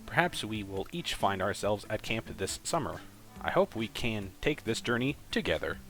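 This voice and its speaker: A man's voice: lowish voice, sing-song, normal speed, fairly bright tone, soft background music. A man doing a stiff, formal robot camper. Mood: hopeful. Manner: stilted, formal robotic phrasing.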